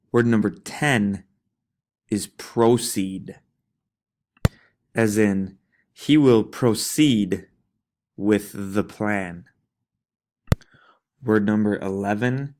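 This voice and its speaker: A man giving slow school dictation as a teacher, reading out test items deliberately and enunciating each word with pauses. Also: on the low side, a little mellow. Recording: noisy recording with clicks.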